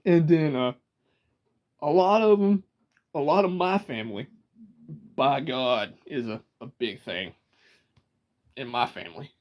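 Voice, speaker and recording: A man from Georgia talks easily to the camera in a thick Southern drawl, his voice sitting a little higher than most men's. He rambles from one aside to the next and laughs often, recorded in a small room at home. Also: lively intonation, measured pace, long pauses, a little mellow. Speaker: vlogger. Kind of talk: casual talk to camera. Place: small room indoors, sitting in a rocking chair. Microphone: camera in front of him.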